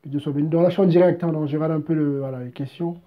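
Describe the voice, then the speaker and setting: A man's voice: a little high, steady tone, rapid-fire, highs cut off. A French-accented man preaching a live-streamed sermon, exhorting and repetitive, rising to emphatic peaks. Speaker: pastor.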